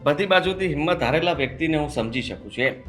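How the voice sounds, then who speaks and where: A man's voice: on the high side, expressive, fast talker, fairly bright tone, faint music behind. An actor playing a pushy young brother-in-law who pesters his sister-in-law with insistent, wheedling talk. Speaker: actor in a web drama.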